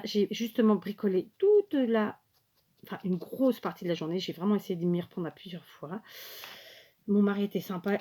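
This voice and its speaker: A woman's voice: mid-range voice, warm tone. Chatty woman explaining a craft. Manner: chatty, self-correcting, often checks in with the viewer. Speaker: craft tutorial host. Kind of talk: casual craft tutorial.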